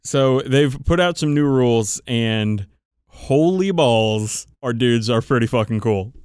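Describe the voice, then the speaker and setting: He's unhurried and expressive, his mid-range voice a little mellow, clear and resonant. As a podcast co-host, he chats casually about tabletop wargaming, his hobby, with opinionated emphasis and lots of swearing. The dry recording has clean studio sound.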